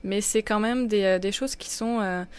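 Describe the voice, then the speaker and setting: A woman's voice: medium pitch, normal speed, darkish tone, smooth. A woman from France, a guest on an interview program who talks about her experience in a thoughtful, searching way with frequent restarts. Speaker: guest, immigration project officer. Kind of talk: conversational interview.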